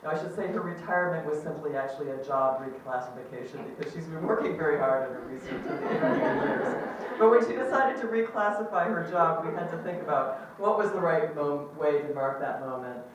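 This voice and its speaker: Her voice low and intonation lively, a woman chairing a department delivers a brisk, cheerful ceremony welcome full of ums. The sound comes from an amplified microphone recorded at a distance in a big, very echoey lecture hall, with background noise.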